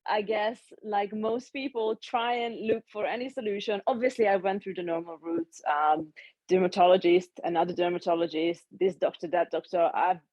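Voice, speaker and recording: A woman in her thirties, from Hungary, telling her story as a guest in a conversational interview, thoughtful and pausing with soft laughs. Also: medium pitch, steady tone, no echo, muffled recording. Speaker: guest, nutritional therapist.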